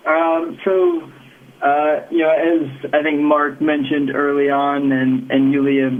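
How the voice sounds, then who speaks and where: A man explains his organization's program work in a rambling answer full of fillers and restarts. His voice is fairly high, and the sound is thin and tinny like a phone line. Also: lively intonation, slow. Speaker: program officer. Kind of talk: panel answer.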